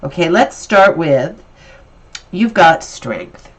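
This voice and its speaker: A woman's voice: lowish voice, very animated, takes it slowly, breathy edge, low-quality recording. A woman with a stuffy, nasal voice from allergies, giving an upbeat and encouraging tarot reading in a casual, chatty way. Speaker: tarot reader.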